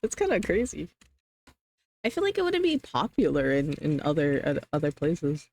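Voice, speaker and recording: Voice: mid-range voice, wildly swooping pitch, moderate pace, vocal fry, a little mellow. A livestreamer chatting casually with chat while eating, rambling and hedging with lots of fillers. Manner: rambling, hedging with many "like"s, reading chat aloud.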